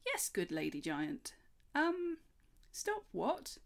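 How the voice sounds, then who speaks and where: A woman's voice: mid-range voice, huge pitch swings, takes it slowly, creaky, exaggerated voice. A woman reading a story aloud, voicing a tiny, gleeful male fawn creature. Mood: eager. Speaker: story reader. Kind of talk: storybook reading with character voices.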